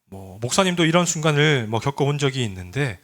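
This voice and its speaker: A man's voice: medium pitch, very animated, a little fast, a bit bright. A male pastor preaching a sermon to a youth group. He asks the congregation questions and leads group readings.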